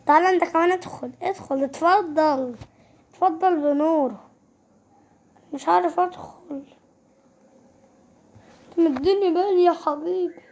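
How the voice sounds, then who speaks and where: Egyptian woman, high voice, excitable playful game commentator, teasing and quick-changing. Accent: Egyptian Arabic. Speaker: gaming YouTuber.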